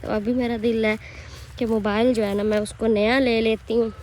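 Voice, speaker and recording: Slightly hoarse, chatty village vlogger woman. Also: a little high, little pitch movement, normal speed, darkish tone. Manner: chatty, rambling, addresses viewers directly. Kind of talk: casual walk-and-talk vlog. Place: outdoors in farm fields.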